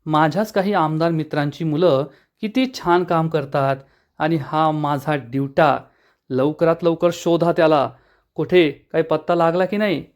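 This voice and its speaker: A man's voice: on the high side, steady tone, measured pace, lightly acted. A man voicing an angry, scheming middle-aged male politician in a sneering, bitter tone. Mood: scornful.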